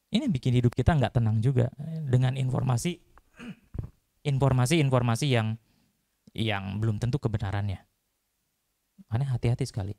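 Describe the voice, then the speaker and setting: Young guy preaching casual, dark mellow voice, keeps asking the crowd stuff. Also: mid-range voice, dry recording, studio quality. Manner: chatty, asks the audience questions, jokes. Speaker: Buddhist dhamma speaker. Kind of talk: casual sermon talk. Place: temple hall.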